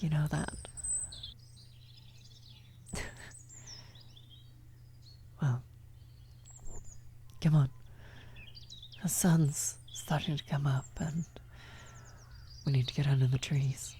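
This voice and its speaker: Relief and fondness come through first, then a gentle, guiding tone, as this woman plays an anxious, loving vampire sorceress who works blood magic and carries a lover's guilt in an ASMR fantasy piece. Her low-sitting voice is breathy and soft, frequently slipping to a whisper, with hesitant, halting, tender delivery. There's slight background noise, with birdsong and natural ambience effects in the outdoor setting.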